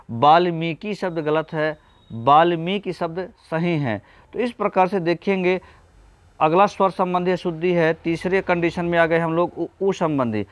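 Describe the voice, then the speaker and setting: A man's voice: a little high, no echo. Patient male Hindi spelling teacher. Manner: patient, repetitive, addresses viewers as friends. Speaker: Hindi exam-prep teacher. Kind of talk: spelling lesson explaining correct forms.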